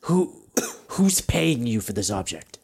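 A man with a creaky, medium-pitched voice takes part in a tabletop role-playing game. He talks casually as a player, moving between his character's words and his own. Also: sing-song, slow, darkish tone.

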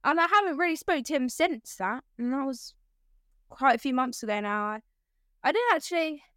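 A woman's voice: high voice, lively intonation, moderate pace, a bit bright, dry recording, clean studio sound. A teenage girl co-hosting a podcast, chatting casually in a giggly, rambling way with many fillers. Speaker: podcast co-host. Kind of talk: casual chat.

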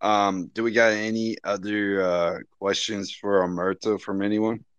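A man's voice: fairly low pitch, flat delivery, measured pace, clean tone, dry recording, highs cut off. A man hosting a casual live audio chat, brash and slangy, swearing freely.

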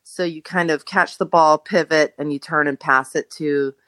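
A middle-aged woman from Jamaica, a podcast guest telling her story in a reflective way, pausing to search for words. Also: low voice, fairly even intonation, fairly bright tone, no room sound. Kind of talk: casual conversation.

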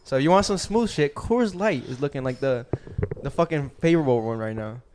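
A man's voice: fairly high pitch, animated, fairly quick, darkish tone. A young man chatting casually as a game host, with frat-bro slang, swearing and bro in nearly every line. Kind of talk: casual chat.

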